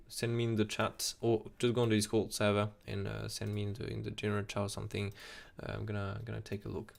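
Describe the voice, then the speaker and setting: This crypto chart analyst is a young adult man with a French accent and a lowish voice with vocal fry. Casually discussing trading charts on a live stream at a desk mic in a small room, he gets excited, restarts a lot and repeats "absolutely insane."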